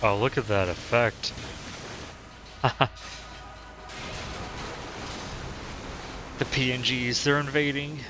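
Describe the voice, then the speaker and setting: A man streaming a video game, reacting loudly and slowly to what he sees. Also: mid-range voice, music in the background. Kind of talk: casual game commentary.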